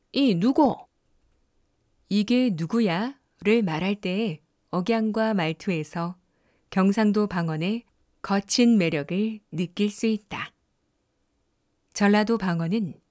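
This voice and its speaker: A woman reading scripted educational narration in a measured, explanatory way. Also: medium pitch, a little mellow.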